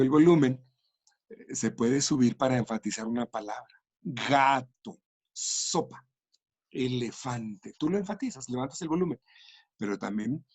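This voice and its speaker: A man's voice: mid-range voice, darkish tone, husky, dry recording. A man explaining language and communication in an interview, thoughtful and full of small restarts. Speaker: education and language researcher.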